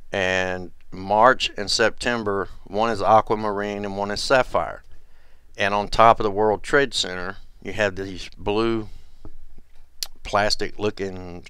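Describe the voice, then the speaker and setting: Deep bright-toned guy rambling on, repeats himself, trails off, dry close sound. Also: steady tone, slow, clear, resonant tone, no room sound. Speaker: conspiracy video host. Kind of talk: rambling casual monologue.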